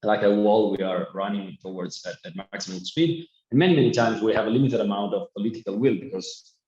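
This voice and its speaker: Speaking a little fast, this Italian presenter has a fairly low, darkish voice and a steady tone, with an Italian accent. He delivers an earnest online conference talk full of restarts over an echoey, muffled video call.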